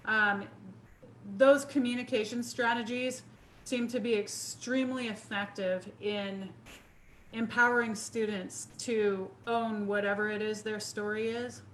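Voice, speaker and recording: A woman teacher co-hosting a podcast over a video call, speaking in an earnest, halting way with many fillers. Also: medium pitch, steady tone, a bit bright, a little hiss or hum, poor audio. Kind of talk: casual interview chat.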